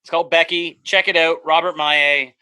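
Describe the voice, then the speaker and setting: A man's voice: on the high side, little pitch movement, fairly quick, sharp tone, no echo. A middle-aged man from Canada co-hosting a casual podcast, rambling along with lots of fillers. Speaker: podcast co-host. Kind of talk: casual chat.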